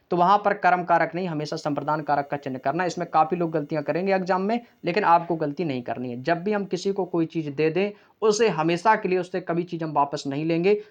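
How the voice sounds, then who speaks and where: A man teaching an exam practice lesson, brisk, calling his students brother and asking then answering his own questions. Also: on the high side, dull audio.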